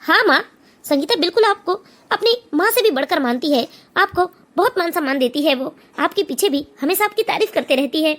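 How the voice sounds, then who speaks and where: A devoted young son pleads earnestly with his mother, played by a woman. The cartoon voice is high and sincere. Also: lively intonation, a little fast, a bit bright. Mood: pleading. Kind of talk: cartoon voice acting.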